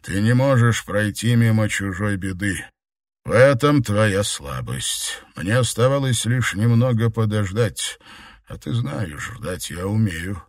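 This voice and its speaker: A man voicing a scheming emperor in an audiobook, calm, measured and self-assured. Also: lowish voice, no echo, clean studio sound. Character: scheming emperor, middle-aged man, cold manipulator. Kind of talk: audiobook character voice.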